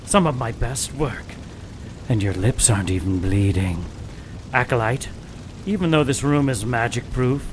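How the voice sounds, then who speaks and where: A man voicing a cruel cult leader who taunts his captive in a slow, sneering way. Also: medium pitch, a little hiss or hum, lightly acted. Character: cruel middle-aged male cult leader, mocking torturer.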